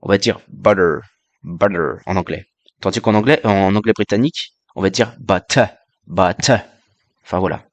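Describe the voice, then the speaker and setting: A man's voice: on the low side, steady tone, fast talker, no echo. A man streamer talking casually and hesitantly to his viewers, with many fillers and restarts, in a friendly, joking way. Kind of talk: casual live-stream talk.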